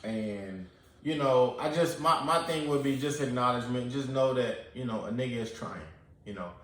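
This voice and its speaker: Animated man chatting in an echoey room. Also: mid-range voice, normal speed. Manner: animated, acts out quoted lines; eating while talking. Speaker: podcast co-host. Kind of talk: casual chat.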